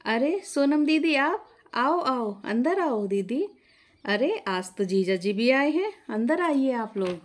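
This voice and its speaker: A woman's voice: high-pitched, very animated, slow, pitched above the performer's own voice, full character voice. A woman voicing a polite, naive new young bride in a family story. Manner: polite, respectful.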